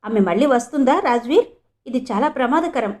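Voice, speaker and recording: A woman reading as a caring woman doctor in a storybook, cautious and concerned. The voice is high. She speaks with quiet urgency. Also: expressive, brisk. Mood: worried.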